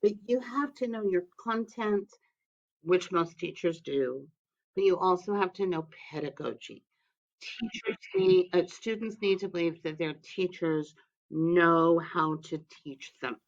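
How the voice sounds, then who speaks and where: A woman's voice: on the low side, expressive, a little slow, dull audio. A woman who is an instructional specialist, talking as a guest in a podcast interview, chatty and emphatic, telling stories.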